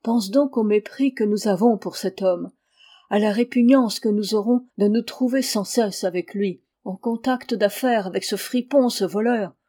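A woman's voice: medium pitch, moderate pace, mellow, lightly acted. A woman reading a proud, anxious factory owner. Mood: troubled.

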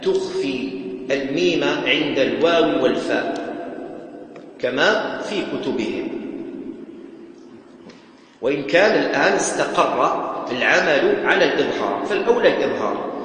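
A man's voice: a little high, expressive, normal speed, pauses often, fairly bright tone, a little hiss or hum. A man teaching Quran recitation rules in a patient lecture style, repeating his points and chanting short examples. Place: mosque prayer hall. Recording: echoey mosque hall with long reverb.

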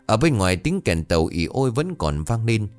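A man narrating a folk tale as a storyteller in a lively, expressive way. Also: on the low side, fairly quick, faint music behind.

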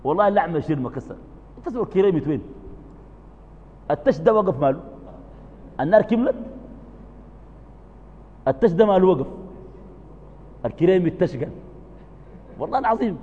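Sudanese male preacher, high-leaning voice, muffled sound, long hall reverb, asks and answers his own questions. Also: fast talker, pauses often. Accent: Sudanese Arabic. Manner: asks the audience questions and answers them himself; swings between calm explanation and sudden loud emphasis. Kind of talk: religious lesson.

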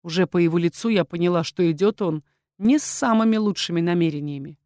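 Woman reading a fantasy book out loud, dramatic, dry close sound. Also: on the low side, fast talker, dry recording. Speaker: audiobook narrator. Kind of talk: expressive fantasy audiobook narration.

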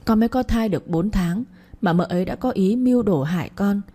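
A woman's voice: medium pitch, a little fast, dark tone, husky, natural voice. A woman reading a whining young maidservant. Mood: pleading. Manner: pleading, tearful.

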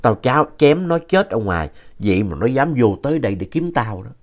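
A man voicing a calm, fearless middle-aged killer with a southern Vietnamese accent, talking in a flat, matter-of-fact way. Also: medium pitch, brisk, lightly acted. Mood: unbothered. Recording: dull lo-fi audio.

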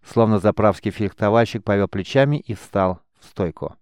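A man narrates a fantasy audiobook in a measured, even way. His voice sits low and smooth, recorded dry and close to the mic. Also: no echo. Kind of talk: scripted narration.

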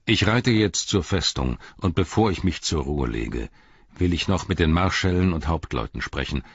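A proud old warrior king speaks slowly and gravely in a very deep, husky voice, as a male narrator puts him on. It sounds dry and close, with slightly dull sound. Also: expressive, no room sound, exaggerated voice.

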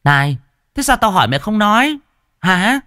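A man's voice: sits high, sing-song, moderate pace, a bit bright, pitched above the performer's own voice. A man voicing a cruel, sneering landlord's wife who scolds and picks fights. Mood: scornful.

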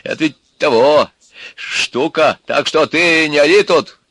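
Man playing a scared young folk-tale hero yelling up high, husky edge, storybook. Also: a little slow, no room sound, full character voice. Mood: blustering. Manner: shouting, shrill, desperate. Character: frightened young peasant hero, blustering.

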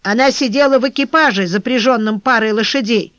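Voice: mid-range voice, brisk, fairly bright tone, no echo, natural voice. A narrator reading the lines of a sly, scheming male crook in an audiobook, with a secretive, insinuating manner. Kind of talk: audiobook character voice. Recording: dull dry lo-fi recording.

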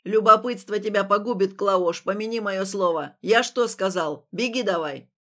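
A woman's voice: medium pitch, moderate pace, a bit bright, close to an everyday voice. A woman voicing a stern grumbling old man. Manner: commanding, grumbling.

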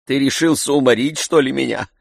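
Brief: man voicing a fretful idle gentleman, whiny and exasperated, dry close sound. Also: mid-range voice, fairly quick, creaky, dry recording, long reverb tail, pitched above the performer's own voice. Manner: exasperated, whining outbursts. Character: idle, fretful gentleman landowner, self-pitying. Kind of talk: audiobook reading.

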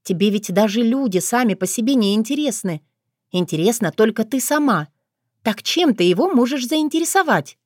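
Woman reads a storybook older sister, teasing and blunt, lively pitch, dry recording. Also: moderate pace, dry recording. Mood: lecturing. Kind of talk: audiobook character voice.

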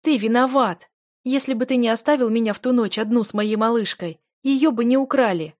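A woman's voice: mid-range voice, flat delivery, moderate pace, no echo, studio quality, close to an everyday voice. A woman reading an audiobook and voicing a young wife in grief and anger, raised and anguished. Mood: furious. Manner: anguished, shouting. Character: young married woman, grieving and furious.

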